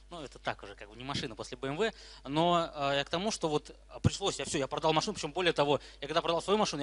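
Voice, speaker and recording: A man's voice: fairly high pitch, a bit bright. A man in his twenties with a lisp and slushy s sounds gives an informal, blunt, slangy talk to an audience. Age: 20s. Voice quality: lisp with slushy sibilants from braces. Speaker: speaker at a startup investment talk. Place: hall with live audience. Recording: echoey hall with long reverb.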